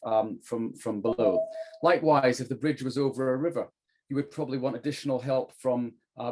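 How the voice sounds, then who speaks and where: Middle-aged man, training presenter, explanatory, mid-pitched voice, emphatic points. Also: darkish tone. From UK, northeast England. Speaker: trainer, former police officer. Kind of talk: informal lecture in a training session.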